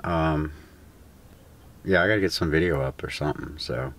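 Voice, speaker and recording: This vlogger, a man in his thirties, chats to his arm's-length action camera from a hotel room and a parked car in a casual, self-filmed vlog. His extremely low voice moves at a moderate pace, loose and rambling, peppered with ums.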